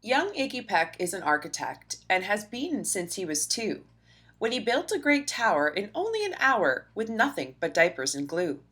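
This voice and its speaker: A woman narrating a rhyming children's storybook aloud in an expressive, rhythmic, dramatic way. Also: mid-range voice, normal speed. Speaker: storybook reader.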